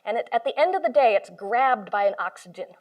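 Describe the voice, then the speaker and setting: Speaking briskly and with animation, a woman computational biologist delivers an enthusiastic, informal talk to a roomful of people, using everyday comparisons. Her voice is on the high side with a darkish tone, and the recording is rough. At one point her handheld or stand mic gets moved closer.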